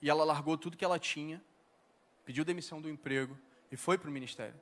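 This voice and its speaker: A man's voice: fairly high pitch, quick pace. A man preaching in a casual storytelling way, mocking himself as he recounts an anecdote. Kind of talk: storytelling sermon.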